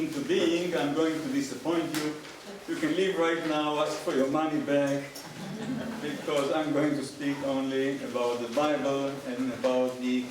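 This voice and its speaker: Older Israeli-accented lecturer, dry wit, distant mic, hissy background. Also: male voice, a little high. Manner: dry humor, conversational, addresses the audience directly. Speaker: professor giving a lecture. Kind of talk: public lecture. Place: lecture hall. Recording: distant mic, echoey hall, background noise.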